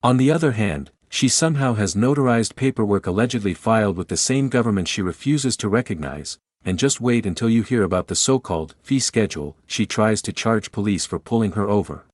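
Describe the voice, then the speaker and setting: Guy w a lowish voice narrating a video script, sarcastic and mocking, very dry sound. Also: lively intonation, a little fast, few pauses, no room sound.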